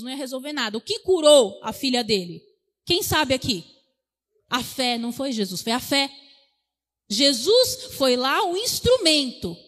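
A woman preacher, delivering a sermon and exhorting the congregation, calling for amens and rising to loud declarations. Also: high voice, in a large hall. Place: church.

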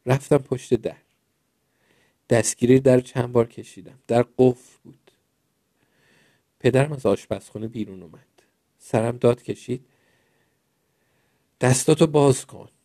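A man narrates children's stories in a gentle, expressive reading voice. His tone is mellow and dark, recorded close in a dry room with no echo. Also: mid-range voice, pauses often. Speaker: storyteller.

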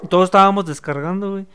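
A man's voice: sits high, fairly bright tone, slight background noise. A young man with a Mexican accent telling stories in a casual chat, profane and acting out the arguments he quotes. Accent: Mexican Spanish.

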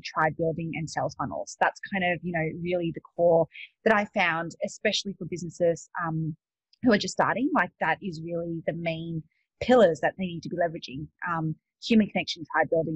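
This is a casual webinar chat from a female guest coach with an Australian accent, who laughs often and leans on lots of fillers. Her voice sits fairly low with a breathy edge, and the recording is dry, dull and lo-fi, with no room sound.

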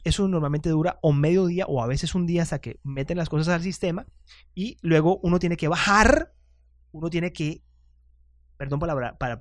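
Man, podcast host, casual monologue, a bit high-pitched, chatty, self-deprecating. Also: no echo, clean studio sound.

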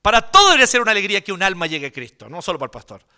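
A man with a Chilean accent, a pastor preaching a sermon in an animated, joking, colloquial way. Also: high-pitched, racing, smooth.

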